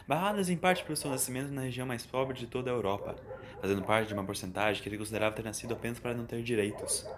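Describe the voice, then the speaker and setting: A mid-range male voice with a Brazilian accent narrates a scripted audio fan story in a Portuguese storytelling style. Background music and noise play under his reading.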